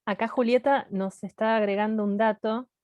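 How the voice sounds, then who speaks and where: A woman's voice: on the high side, fairly even intonation, normal speed, no room sound, dull audio. A woman co-presenting an online teaching talk over a video call, passing on comments from the audience in a conversational way. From Argentina.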